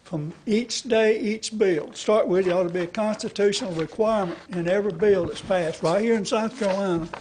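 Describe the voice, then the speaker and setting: An older man in his 70s or beyond, a citizen activist, testifies before a legislative committee in a large hearing room with a seated audience, speaking into a gooseneck podium mic. His voice sits high with a darkish tone, moving a little fast with hardly any pauses over slight background noise. His testimony is rambling and folksy, and he keeps checking in with his listeners.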